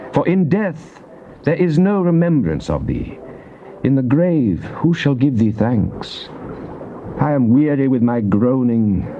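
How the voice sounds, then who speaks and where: Playing a devout psalmist, a British actor delivers scripture in anguished pleading, though his phrasing stays solemn, declamatory and measured. His male voice is medium-pitched and mellow, in a classical stage manner, while praising God too. The recording comes from a dull, noisy old cassette tape.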